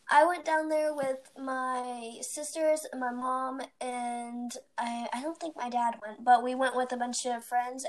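A teenage girl co-hosts a casual podcast and rambles through a story, piling up fillers as she goes. Her voice sits high. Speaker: podcast co-host. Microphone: home mic, recorded remotely.

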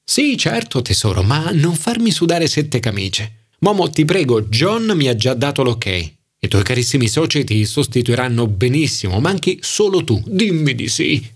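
A man's voice: medium pitch, sing-song, normal speed, few pauses, slightly rough. A man voicing a confident, persuasive young professional woman in an audiobook. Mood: coaxing. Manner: coaxing, upbeat, persuasive. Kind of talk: audiobook character voice.

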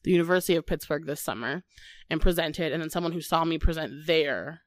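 Young Midwestern woman podcast co-host, slightly low, rambling and giggly, dry close sound. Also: fast talker, dry recording. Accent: Midwestern American. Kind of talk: casual chat.

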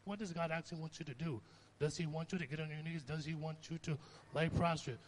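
A man's voice: a little high, fast talker, noisy background. A young man giving an informal sermon, talking conversationally and telling stories with rising emphasis. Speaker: preacher.

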